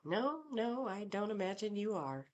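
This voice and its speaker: A woman's voice: medium pitch, lively intonation, measured pace, darkish tone, voice pushed up, close to an everyday voice. A woman voicing a cautious, guarded female private investigator in an audiobook. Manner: careful and guarded.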